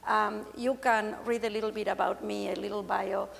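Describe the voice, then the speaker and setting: On a stage in a large hall, a woman in her forties from Argentina, a native Spanish speaker with an Argentine accent, gives a candid, joking conference talk as a patient speaker. Her medium-pitched voice has vocal fry and a flat delivery at normal speed, with long hall reverb.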